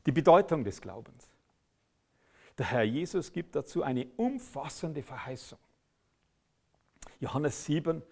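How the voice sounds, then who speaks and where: Gravelly German-speaking preacher man. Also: on the high side. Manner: emphatic, swings from loud outbursts to quiet intensity. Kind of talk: sermon.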